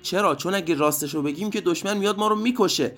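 A man narrating a story for children, lively and addressing the kids directly. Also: high-pitched. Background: faint music.

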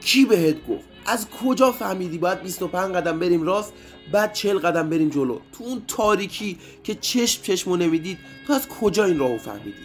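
A man voicing an anxious young male soldier who protests and pleads loudly, speaking. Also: few pauses, faint music behind. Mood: insistent. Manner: high-pitched shouting, insistent pleading. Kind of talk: storybook character voice.

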